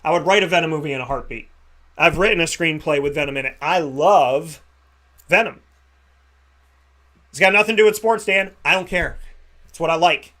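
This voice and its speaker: A man in his thirties with a high, bright voice delivers an emphatic motivational monologue as a talk show host. He hammers his points by repeating short phrases. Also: moderate pace, pauses often. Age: 30s.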